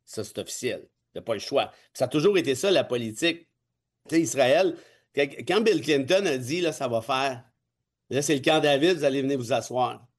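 A constitutional law expert in his forties, speaking with a Québécois French accent, gives his opinions casually in emphatic, cynical, colloquial language. His medium-pitched voice is husky and expressive, and he talks briskly.

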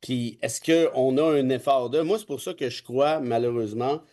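His voice is mellow and mid-range, and he talks at a normal speed. He's a forties-aged constitutional law expert with a Québécois French accent, giving his opinions in an emphatic, cynical, colloquial, casual way.

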